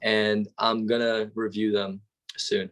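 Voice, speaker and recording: A man's voice: lowish voice, flat delivery, a bit bright. Eager young man. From Albania. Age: young adult. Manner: eager, enthusiastic, talks quickly in short bursts. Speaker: guest, real estate student. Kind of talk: casual interview answers.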